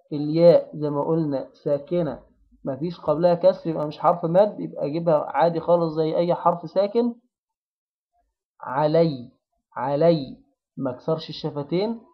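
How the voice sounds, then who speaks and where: Egyptian-accented male recitation teacher, patient slow drilling, slightly high voice, muffled recording. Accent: Egyptian Arabic. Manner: slow repeated drilling of syllables and words. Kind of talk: tajweed pronunciation lesson.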